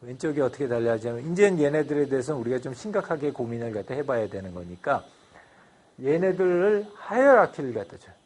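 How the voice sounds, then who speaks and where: A man's voice: medium pitch, sing-song, fast talker, darkish tone. A man giving a university lecture, explaining a design process step by step, with frequent fillers and English loanwords.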